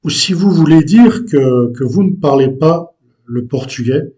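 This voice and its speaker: Guy teaching a language lesson, slow and halting, dark mellow voice, kinda high for a man. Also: animated, muffled recording. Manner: slow and deliberate, with frequent hesitations.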